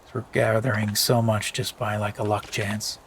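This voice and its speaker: A man's voice: lowish voice, flat delivery, moderate pace, a little hiss or hum. A man with a tired voice giving casual, rambling let's play commentary, thinking aloud with many fillers.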